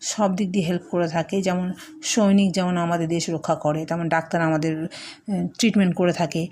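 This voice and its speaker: Woman, teacher, spells words letter by letter, lowish voice, faint background hum. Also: mellow. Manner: asks questions and answers them herself. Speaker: teacher running an educational channel. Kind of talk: spelling lesson for children.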